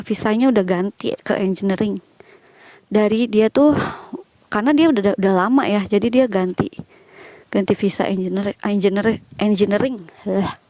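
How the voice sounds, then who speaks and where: A woman's voice: medium pitch, a little mellow, no room sound. A young Indonesian woman chatting casually as she walks outdoors and answers viewers' questions. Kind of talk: casual chat while walking. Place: outdoors walking through a quiet village.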